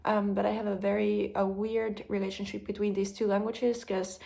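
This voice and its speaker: In a reflective personal vlog, a young vlogger from Finland talks in accented second-language English, candid and thoughtful, often saying um. She has a warm, creaky, medium-pitched voice with a level tone and an ordinary pace.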